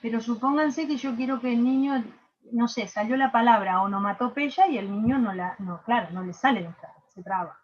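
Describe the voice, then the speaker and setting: Uruguayan woman running a zoom workshop, kinda high voice, lots of "este" fillers, muffled call audio. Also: a little fast. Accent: Uruguayan Spanish. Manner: explanatory, frequent filler "este" and checking questions. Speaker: workshop instructor. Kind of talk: online workshop lecture.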